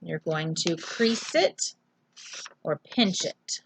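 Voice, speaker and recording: A woman teaching a phonics lesson to young children, sounding out letters slowly, clearly and patiently in a home video lesson. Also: fairly low pitch, expressive, slight background noise.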